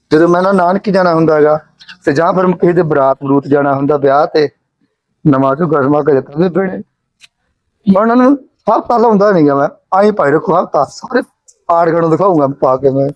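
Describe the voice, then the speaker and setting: A naive grown son who wanders from thought to thought with a childlike innocence, played by a man. His voice sits noticeably high for a man. It is village short-film acting. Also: fairly quick, lightly acted, poor audio. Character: simple-minded grown son, childlike and gentle.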